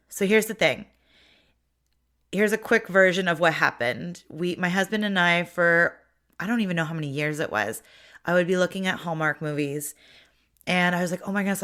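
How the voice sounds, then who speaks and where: A middle-aged woman from Ontario, Canada, hosts her own podcast, speaking in a chatty, reflective monologue that keeps restarting. Her voice sits on the low side with a slight brightness.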